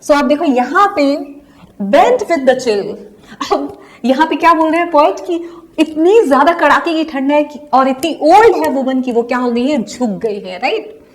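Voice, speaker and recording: A woman's voice: sits high, moderate pace. A young woman with an Indian accent, teaching a poem lesson and asking and answering her own questions step by step. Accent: Indian English. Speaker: English teacher.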